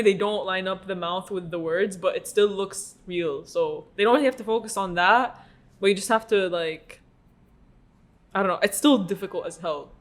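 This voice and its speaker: A young man with a noticeably high voice chats casually on a podcast. He agrees readily and often trails off with "I don't know" in loose conversation. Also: fairly bright tone. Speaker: podcast co-host. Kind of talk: casual chat.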